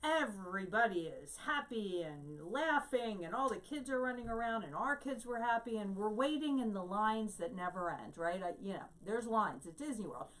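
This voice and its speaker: A woman's voice: mid-range voice, expressive, moderate pace, few pauses, a bit bright, distant mic. A middle-aged woman giving a conversational teaching in a chatty way, often checking in with her listeners. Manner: chatty, keeps asking "right?".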